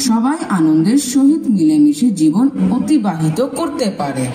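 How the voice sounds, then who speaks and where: A woman playing a pompous, self-satisfied gentleman orator in an amateur stage comedy, speaking in a florid, emphatic way. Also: on the low side, sing-song, normal speed. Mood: fervent. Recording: echoey stage, distant mic, music behind.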